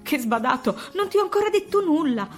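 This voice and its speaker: A woman's voice: sits high, music in the background, voice pushed up. A woman voicing giddy angel Strauss. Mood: playful. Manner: quick, excitable, pleading in bursts. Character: giddy fluttering male guardian angel, boastful and playful.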